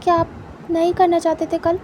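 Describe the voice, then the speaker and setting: A woman's voice: very high-pitched, monotone, fairly quick, a little mellow, slight background noise. A woman voicing a young man in a spoken story, an anxious lover who pleads and stammers. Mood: pleading.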